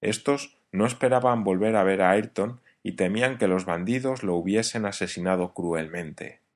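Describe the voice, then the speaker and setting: A man narrating an audiobook in a steady, even reading. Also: low voice, normal speed.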